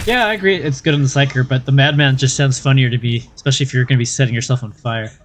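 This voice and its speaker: A man's voice: medium pitch, very fast, a little hiss or hum. A man streaming a game, chatting casually and thinking aloud in a hesitant way as he comments on play. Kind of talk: casual live stream chat and gameplay commentary. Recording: music behind the voice. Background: game music.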